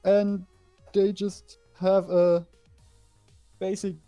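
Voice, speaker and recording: Guy talking slow on a call, kinda high voice, audio keeps cutting out on him. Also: level tone, dark tone, clean tone, faint music behind. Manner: explains at length, eager to share details. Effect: online call audio cutting out in bursts. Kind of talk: casual chat while building model kits.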